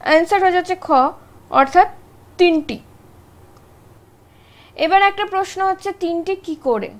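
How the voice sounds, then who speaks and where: A woman teaching an exam-prep grammar lesson, explaining step by step and often checking in with short tag questions. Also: very high voice.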